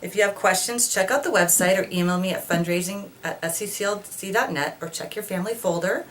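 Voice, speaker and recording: A woman coordinating school fundraising, giving a brisk informational announcement. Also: mid-range voice, a bit bright. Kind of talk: scripted announcement.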